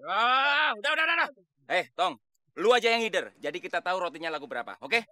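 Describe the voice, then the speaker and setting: A boastful street thug. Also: male voice, high voice, big pitch swings, quick pace, dry recording, studio quality, full character voice. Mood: bossy. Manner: bossy, boastful, shouty. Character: blustering small-time male street thug. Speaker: comic actor. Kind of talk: slapstick sitcom acting.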